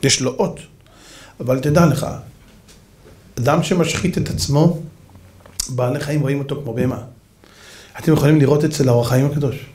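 A rabbi giving a lively sermon, telling stories and acting out the characters with shouts. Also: male voice, mid-range voice, pauses often. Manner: animated, acts out voices and shouts in stories. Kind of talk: sermon with dramatic storytelling.

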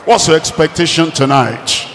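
A man preaching a sermon as pastor. He speaks slowly and emphatically, repeats phrases for emphasis, and leads call-and-response with the congregation. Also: on the high side, fairly bright tone, a little hiss or hum. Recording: long hall reverb.

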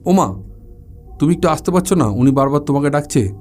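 A young village boy, played by a grown male storyteller, calling out to his mother in pleading protest. The tone is mellow and soft. Quiet music runs underneath. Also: on the high side, lively intonation, brisk, close to an everyday voice.

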